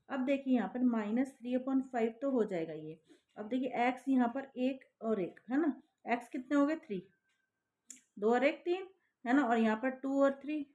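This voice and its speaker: A woman's voice: fairly high pitch, darkish tone. Patient woman teaching maths. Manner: patient, checks in with repeated "thik hai" and "hai na". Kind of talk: step-by-step classroom maths explanation.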